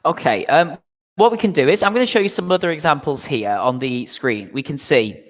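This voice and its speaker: A fairly high male voice with lively intonation sounds like it's in a big room. He teaches English vocabulary to a live online class, explaining slowly and patiently, repeating often and tacking "okay?" onto nearly every point.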